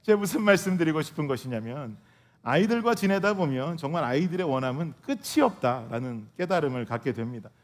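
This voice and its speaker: A man's voice: fairly high pitch, expressive, brisk. A male pastor preaching a sermon, telling a humorous family story and speaking directly to his congregation. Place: church sanctuary.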